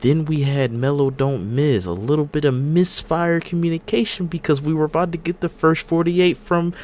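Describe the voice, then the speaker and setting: A man hosting a wrestling podcast, recapping matches in a relaxed, laid-back way and laughing easily. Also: fairly high pitch, moderate pace. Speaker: podcast host. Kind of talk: casual wrestling podcast chat.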